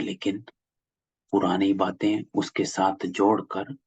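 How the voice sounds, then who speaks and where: Gravelly husky man explaining scripture. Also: fairly low pitch, dry recording. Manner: patient, repeats key phrases. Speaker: spiritual class leader. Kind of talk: explaining a spiritual discourse. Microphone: video call. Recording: dull lo-fi call audio, dry.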